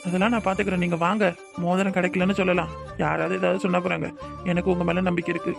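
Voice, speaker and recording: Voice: mid-range voice, little pitch movement, very fast, gravelly, music in the background. A voice actor playing a protective young man in a cartoon, firmly reassuring a tearful girl. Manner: reassuring, firm. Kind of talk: cartoon voice acting.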